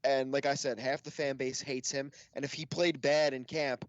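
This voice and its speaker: A man's voice: medium pitch, little pitch movement, moderate pace, dry recording. Rambling man with a dull lo-fi mic. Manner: rambling, heavy use of "like". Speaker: podcast co-host. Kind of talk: casual sports banter.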